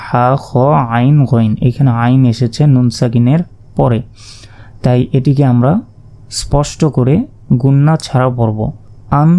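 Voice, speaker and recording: A man teaching Quran reading step by step, spelling out each letter and vowel mark, then reciting the sounds slowly and drawn out. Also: mid-range voice, mellow. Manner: patient, repeats and asks himself questions. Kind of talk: step-by-step lesson.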